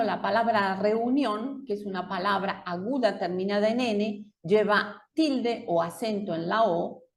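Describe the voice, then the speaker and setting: A woman teaching an online Spanish lesson, explaining slowly and carefully for learners. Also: mid-range voice.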